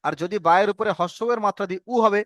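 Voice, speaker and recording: A man teaches a reading class over an online call, pausing to ask questions and then repeating the answers himself. His voice sits high, and it is recorded dry with no room sound. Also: fairly even intonation, fairly bright tone, no room sound.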